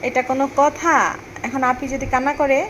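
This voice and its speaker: High-voiced Bangladeshi mother coaxing children. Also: level tone, a little fast. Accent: Bangladeshi Bengali. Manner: sweet-talking, pleading and coaxing a sulking child. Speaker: vlogger mother. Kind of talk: family vlog, coaxing her small children. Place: home, indoors. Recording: noisy home phone recording.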